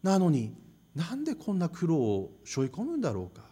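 A male pastor preaches in a high voice that swoops up and down with animation. He stresses his points by repeating phrases. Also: wildly swooping pitch, fairly quick, warm tone, husky. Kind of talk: sermon.

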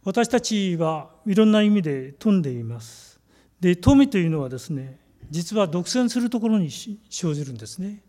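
A man delivers a sermon in a fairly high but mellow voice. His phrasing is measured and deliberate, and he slows down to stress key words. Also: sing-song. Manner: measured, emphatic preaching with slow stressed phrases. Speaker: pastor.

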